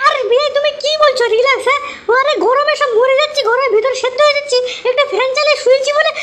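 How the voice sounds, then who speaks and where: A woman's voice: extremely high pitch, steady tone, very fast. A woman playing an indignant middle-aged mother-in-law in a comic audio drama, scolding and fed up. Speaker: mother-in-law visiting her daughter's home.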